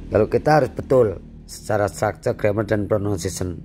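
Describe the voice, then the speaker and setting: Male English teacher, animated lecture delivery, asks and answers his own questions. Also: lowish voice, brisk, soft background music. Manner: repeats key phrases for emphasis. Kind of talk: free online English lesson.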